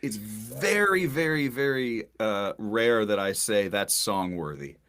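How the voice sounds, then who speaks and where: A man's voice: fairly low pitch, expressive, slow pace, fairly bright tone. Wry joking male interview host. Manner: joking, wry, reads listener questions. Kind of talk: casual interview chat.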